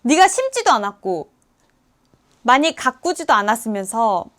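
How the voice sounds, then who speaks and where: A woman voicing God as a patient figure who gently rebukes, speaking slowly and deliberately. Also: on the high side, sing-song. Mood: rebuking. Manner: slow, deliberate questioning.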